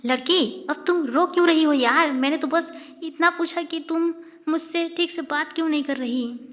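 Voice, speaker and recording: A woman's voice: high-pitched, moderate pace, fairly bright tone, in a large hall, pitched above the performer's own voice. A woman voicing a blunt, exasperated female bodyguard who argues impatiently, in an audio story. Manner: impatient, calls her "girl" and "yaar".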